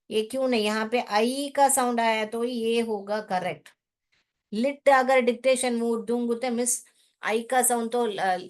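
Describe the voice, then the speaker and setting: A woman teaching an English phonics lesson, patiently repeating and drilling words while mixing English into her explanations. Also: fairly high pitch. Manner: mixes English words into instruction.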